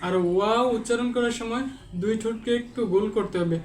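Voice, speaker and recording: A man's voice: very high-pitched, fast talker, echoey room, recorded from a distance, a little hiss or hum. A man teaching Quran pronunciation step by step, patiently saying each letter sound again and again as a drill.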